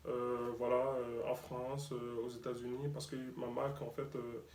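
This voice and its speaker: A man's voice: mid-range voice, little pitch movement, moderate pace, a little mellow, slight background noise. A young man from Mali, raised in Burkina Faso, talking casually as a guest about the clothing brand he designed, with many fillers and restarts. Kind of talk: casual interview. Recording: echoey room, faint ambience.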